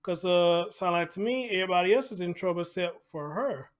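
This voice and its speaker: An American man with a high voice speaks fairly quickly as he hosts a casual live commentary show. His talk is conversational, marked by preacher-style asides, repeated phrases and rhetorical questions.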